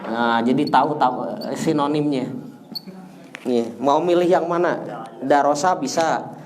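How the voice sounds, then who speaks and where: A man's voice: a little high, steady tone, unhurried, darkish tone. A man teaching an Arabic lesson, patiently drilling vocabulary in a sing-song tune and chuckling as he corrects. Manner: jokes and chuckles while correcting. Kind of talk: classroom lesson.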